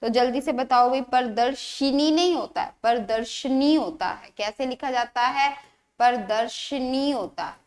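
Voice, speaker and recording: A woman's voice: sits high, moderate pace. A woman teaching an exam-prep grammar lesson, explaining patiently, repeating words and asking rhetorical questions.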